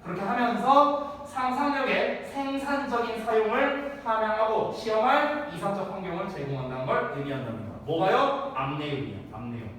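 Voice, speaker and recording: A man's voice: high-pitched, fairly bright tone, slight background noise. A man in his thirties teaching English to a class, chatty and full of questions to the students, recorded by a distant mic in a large room. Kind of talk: classroom lecture. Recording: echoey hall from far off.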